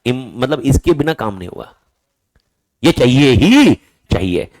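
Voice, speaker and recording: A man teaching a lively lecture, asking his students questions and answering them himself, repeating key words and calling them "boss" and "brother.". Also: mid-range voice, a little slow, no room sound, poor audio.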